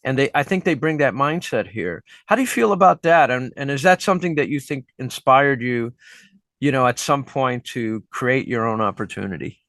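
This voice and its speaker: Hosting an interview, a middle-aged teacher talks in a mid-range, slightly bright voice with lively intonation and a moderate pace. His questions and comments are chatty and reflective, peppered with fillers, in clean studio sound with no room sound.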